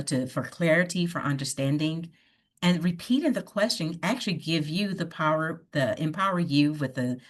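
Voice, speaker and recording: A woman with a low voice runs a workshop over a video call. She coaches her listeners step by step and keeps checking in with "right?". The sound comes through a plain computer mic. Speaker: workshop presenter. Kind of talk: online workshop presentation.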